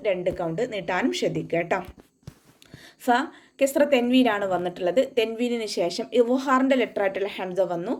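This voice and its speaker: This woman, a Quran recitation teacher, explains every tajweed rule patiently and in order during an online lesson. Her pitch is medium and slightly mellow, with slow, melodic Arabic recitation in between.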